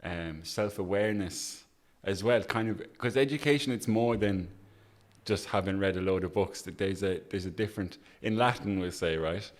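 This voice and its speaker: A podcast host with a low voice runs a casual interview at normal speed. He talks informally and discursively, checking now and then that he's being followed.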